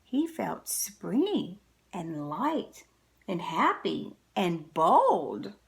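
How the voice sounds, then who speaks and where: A woman reading a picture book aloud to children, with deliberate, dramatic, expressive storytelling. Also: fairly low pitch, gravelly.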